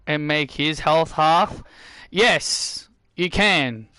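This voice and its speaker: A man's voice: fairly high pitch, extremely slow, bright, forceful tone, clear, resonant tone, no echo. A man giving casual video game commentary, often repeating and rephrasing his own phrases. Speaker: gameplay commentator.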